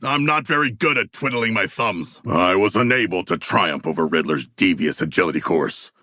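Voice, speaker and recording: A man voicing a huge, earnest shark-man warrior in a video game, gravelly and husky, with stilted, grandiose, literal diction. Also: sits low, expressive, normal speed, sharp tone, dry recording, clean studio sound, heavily acted. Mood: earnest, deadpan. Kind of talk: video game character voice lines.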